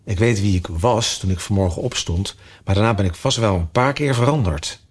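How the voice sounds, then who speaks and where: A man's voice: on the low side, a little fast, husky. A man voicing a shy, very polite, confused young girl in a storybook reading. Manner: timid and very polite.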